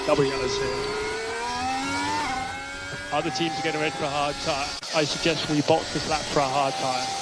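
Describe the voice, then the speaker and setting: Male race engineer on headset, terse pit radio calls, repeats every command; fairly high voice buried in loud engine noise. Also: little pitch movement, normal speed, long pauses. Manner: clipped, repeats key instructions.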